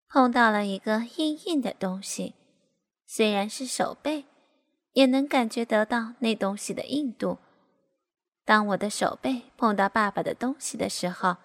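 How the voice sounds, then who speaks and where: A woman reading a first-person story aloud at a smooth, even pace. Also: mid-range voice.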